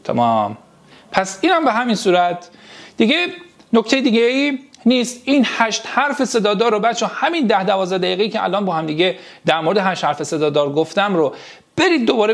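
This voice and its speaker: A man teaching a language lesson, slowly repeating each sound and word so his students can copy him, and speaking to them fondly and directly. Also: high voice. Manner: slow, repeats each sound and word several times for drilling; addresses the class directly and affectionately. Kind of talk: pronunciation lesson for beginners.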